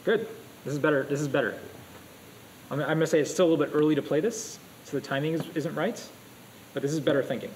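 A man lectures a room of students, his voice a touch higher than most men's. He is lively and keeps firing questions at the class. A faint hum sits under the recording. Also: fast, poor audio. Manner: energetic, asks the class questions. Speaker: go teacher.

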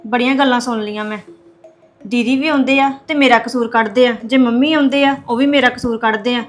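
A woman's voice: on the high side, fairly even intonation, brisk. A woman acting in a family drama, complaining and indignant. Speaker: actor in a family drama, an elder daughter-in-law.

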